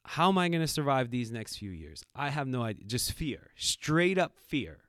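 A middle-aged man co-hosting a casual podcast tells stories in a reflective yet animated way, full of fillers and restarts. His voice is medium-pitched and moves at a normal speed. The recording is dry, with clean studio sound.

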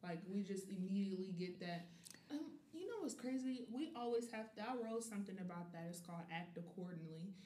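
A woman co-hosting a casual chat, emphatic, with quick agreeing interjections. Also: mid-range voice, animated, mellow. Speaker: podcast co-host. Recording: roomy echo with faint background noise.

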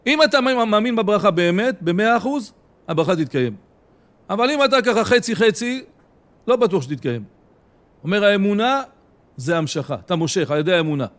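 A rabbi with an Israeli Hebrew accent gives a Torah lecture, his voice sitting fairly high for a man. He recounts stories and sayings and keeps repeating "he says" as he retells them. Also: animated, a bit bright. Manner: storytelling, retelling others' words with frequent "he says".

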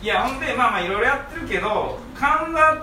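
Echoey, high-pitched man with an Osaka accent. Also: animated, quick pace, bright, forceful tone. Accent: Osaka Kansai. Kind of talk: casual anecdote-telling chat. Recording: echoey, distant mic, noisy room.

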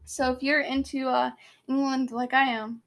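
A woman's voice: high-pitched, little pitch movement, moderate pace. A young woman co-hosting a podcast, chatting casually and rambling, with frequent giggles. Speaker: podcast co-host. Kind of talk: casual chat.

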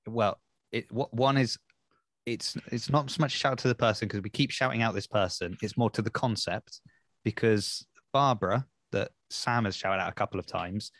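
A man co-hosting a podcast, chatting in a thoughtful, halting way with frequent restarts. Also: on the low side, a bit bright, dry recording, studio quality. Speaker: podcast co-host. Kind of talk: casual podcast chat.

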